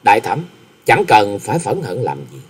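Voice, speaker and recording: A man voicing a reserved, courteous young swordsman who speaks in a measured, consoling way in a story reading. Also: fairly low pitch, very animated, slightly rough, exaggerated voice. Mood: solemn.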